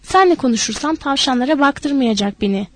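A woman voicing a huge, simple-minded, childlike man who speaks in a plaintive, halting way for an audiobook. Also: high voice, animated, no echo. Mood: sullen. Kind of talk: audiobook character voice.

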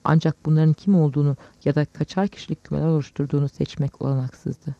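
A man calmly reading literary prose aloud as an audiobook narrator, in a measured way. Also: a little high, vocal fry, no echo. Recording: dull lo-fi dry recording.

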